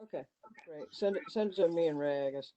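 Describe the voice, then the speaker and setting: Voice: mid-range voice, fast, mellow, dull audio. A committee chair talking through plans at an online town meeting, thinking aloud and leaning heavily on fillers.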